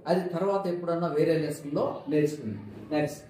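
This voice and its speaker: A man's voice: on the high side, fast, warm tone, a little hiss or hum. Man teaching phonics in a very echoey room. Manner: asks questions and answers them himself, drilling repetition. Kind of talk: classroom-style phonics lesson.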